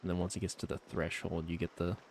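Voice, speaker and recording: A man gives relaxed gameplay commentary in a deep voice with a gravelly, fried edge. He rambles to himself and trails off into fillers, and a faint hiss sits under his voice. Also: fast. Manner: laid-back, rambling self-talk with frequent trailing fillers. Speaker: game streamer.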